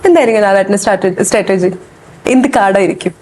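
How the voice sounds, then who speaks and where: A woman's voice: medium pitch, fast talker, darkish tone, a little hiss or hum. A woman interviewing a guest, asking eager questions.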